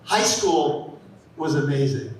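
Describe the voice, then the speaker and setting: A man in his fifties from the San Francisco Bay Area doing a rambling stand-up set on a comedy club stage, breaking into loud shouted voices for the people in his stories. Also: on the high side, slow, slight background noise. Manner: rambling storytelling with bursts of shouted character voices. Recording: echoey club sound from a distant mic.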